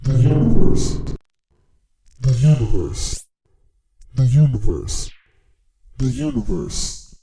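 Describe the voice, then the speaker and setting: A man's short spoken phrase played back as a formant-shifted, warped vocal sample, said slowly and drawn out. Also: medium pitch, huge pitch swings, creaky, dark tone, pitched below the performer's own voice, heavily acted, poor audio. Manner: slow, drawn-out single phrase. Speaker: music production tutor.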